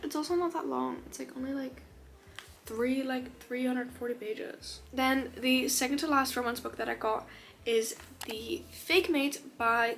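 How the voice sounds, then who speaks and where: Bubbly, high-voiced woman gushing. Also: slight background noise. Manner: gushing, excitable, drops to whispers. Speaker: book vlogger. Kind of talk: casual chat. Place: her room. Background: faint rain.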